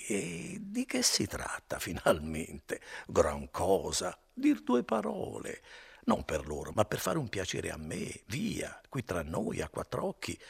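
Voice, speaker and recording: A man voicing a wily middle-aged innkeeper in an audiobook, wheedling and falsely gentle. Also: deep voice, creaky, slightly rough, heavily acted. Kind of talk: audiobook character voice.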